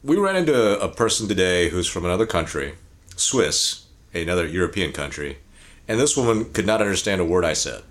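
Casting: low-voiced male podcast co-host, blunt, profane, rambling, fast talker. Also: very animated, fairly bright tone. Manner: speaks rapidly by his own account. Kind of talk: casual chat.

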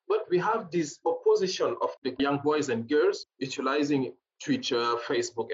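A man speaking on a panel, hesitant, often repeating words and filling pauses with uh. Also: on the high side. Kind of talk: panel discussion remarks. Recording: dull lo-fi sound.

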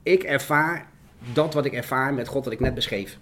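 A man's voice: mid-range voice, fairly bright tone, a little hiss or hum. A man from the Netherlands giving an emotional, fervent testimony as an interview guest. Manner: earnest, fervent, fast and repetitive.

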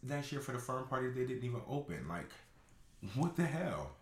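A man co-hosting a podcast, chatting casually in a teasing, halting way. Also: medium pitch, sing-song. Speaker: podcast co-host. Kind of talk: casual chat. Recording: echoey room.

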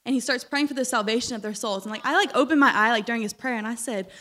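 Young woman preacher, high bright voice, animated storyteller, voice recently lost. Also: racing. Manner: animated, storytelling, laughs when uncomfortable. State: recovering from lost voice. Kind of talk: sermon.

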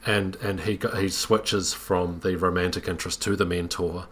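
A man's voice: sits low, flat delivery, normal speed, a bit bright. A man in casual conversation, thoughtfully breaking down a film scene with frequent restarts. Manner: thoughtful, many restarts while building a point. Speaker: podcast co-host discussing a film.

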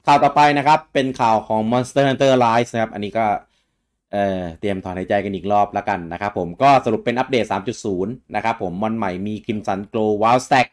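Young male co-host, low-ish voice, casual game-news chat, animated when worked up. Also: moderate pace. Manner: animated, rising pitch when excited. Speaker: co-host of a gaming news show.

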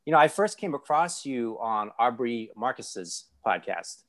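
A man's voice: medium pitch, sing-song, unhurried, a bit bright. A man hosting a podcast interview, friendly and welcoming, with frequent "um" fillers. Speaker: podcast host.

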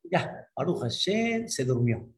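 Male rabbi, storytelling sermon, lively swinging voice, fairly high, halting fillers. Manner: animated, acts out characters, halting fillers.

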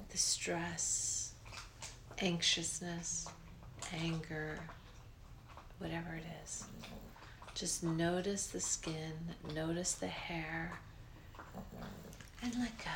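A woman guiding a meditation in a soft, breathy near-whisper, slow and soothing, with long pauses. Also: on the low side, background noise. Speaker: meditation guide.

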